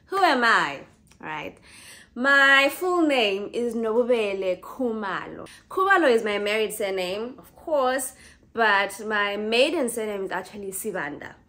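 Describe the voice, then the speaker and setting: A woman in her twenties with a Zimbabwean accent, chatting casually to camera as a vlogger, talking in a relaxed way, laughing easily and correcting herself as she goes. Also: on the high side. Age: 20s.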